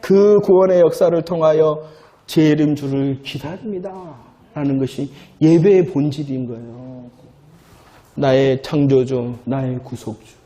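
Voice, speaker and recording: A man preaching as a pastor in a church, talking conversationally, then repeating phrases loudly for emphasis. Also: fairly high pitch, steady tone, measured pace. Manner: conversational preaching, swings from soft asides to loud emphatic repetition. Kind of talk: sermon.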